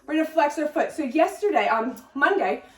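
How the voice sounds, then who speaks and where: A woman's voice: high-pitched, animated, brisk, reverberant, far from the mic. A woman fitness instructor leading a workout class, upbeat as she counts reps and cues form while exercising along.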